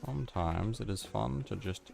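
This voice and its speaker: Low gravelly man talking over gameplay. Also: lively intonation, normal speed, loud music behind the voice. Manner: mumbling, self-deprecating asides. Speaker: gamer. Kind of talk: casual gameplay commentary.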